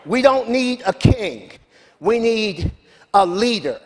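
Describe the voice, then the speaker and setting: A man preaching a sermon as pastor, building passionately from measured lines to shouted calls. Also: high voice, animated. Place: large church sanctuary with congregation. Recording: reverberant church hall, faint congregation.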